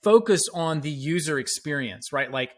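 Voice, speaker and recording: A man's voice: on the high side, lively intonation, moderate pace. A middle-aged man, a guest on a business podcast, explaining his ideas patiently and in small steps, like a former teacher. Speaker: guest, education entrepreneur. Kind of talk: podcast interview answers.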